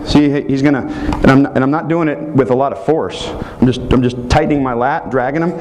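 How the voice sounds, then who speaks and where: A man in his thirties speaks at medium pitch with a steady, slightly mellow tone and a somewhat fast pace, leading a live football technique clinic in a hotel meeting room. He talks through each move as he shows it, on a rough recording with faint hiss or hum.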